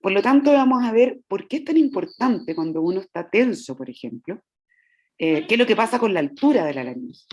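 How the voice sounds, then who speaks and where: A woman's voice: medium pitch, sing-song, fairly quick, a little mellow, breathy edge. Woman lecturing on the voice. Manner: explanatory, checks in with "¿ya?"; demonstrates vocal sounds. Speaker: voice teacher. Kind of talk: lecture to teachers.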